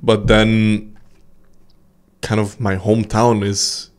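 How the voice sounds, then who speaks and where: A man's voice: lowish voice, monotone, slow. A young man from Ecuador, a racing driver guest, talking casually in an interview and often repeating words as he thinks.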